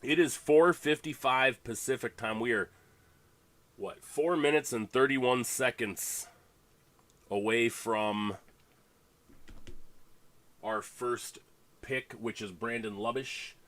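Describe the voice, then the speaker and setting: A man's voice: medium pitch, takes it slowly, pauses often, fairly bright tone. A congested man hosting a fantasy football draft livestream, chatting casually and rambling with lots of fillers and restarts. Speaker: fantasy league host.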